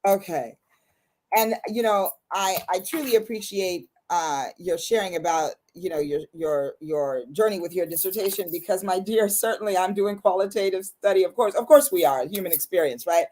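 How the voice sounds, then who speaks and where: Animated woman hosting a talk show. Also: fairly low pitch, moderate pace. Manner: animated storyteller, acts out quotes. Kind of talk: casual interview chat.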